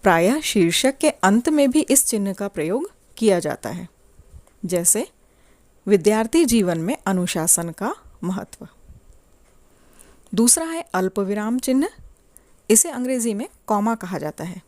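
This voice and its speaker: A woman teaching a grammar lesson to children in a slow, deliberate, clearly paced way. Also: mid-range voice, sing-song, a little mellow, no room sound.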